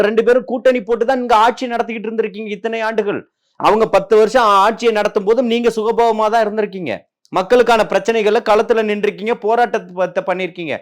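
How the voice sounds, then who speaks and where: A man from as a guest in a heated political interview, combative and firing off rhetorical questions. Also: sits high.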